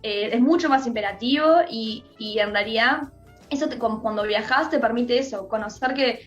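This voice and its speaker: A woman's voice: a little high, normal speed, muffled recording, soft background music. A woman from Uruguay with a Rioplatense accent, a radio guest talking in a chatty way with many restarts. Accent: Rioplatense Spanish. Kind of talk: conversational radio interview.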